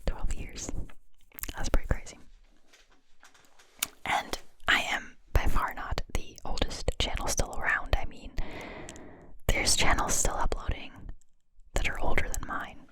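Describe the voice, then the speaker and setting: A woman speaks in a breathy, unvoiced whisper very close to the mic, moving ear to ear. It is casual ASMR chat addressed to viewers, soft and intimate in delivery. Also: measured pace, low-quality recording. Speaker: ASMR video creator and host. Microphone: close-up microphone, ear to ear.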